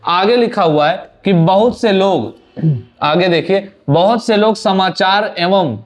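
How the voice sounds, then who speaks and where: A man's voice: sits high, slow. A young man teaching exam translation in Hindi, going through a student's answer sheet in a chatty way, repeating words and dropping in English phrases.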